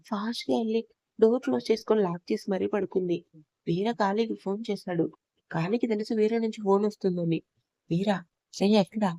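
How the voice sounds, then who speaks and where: A woman storyteller narrating a love story aloud in a steady, plain manner. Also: mid-range voice, fairly quick, no room sound. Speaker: audio storyteller.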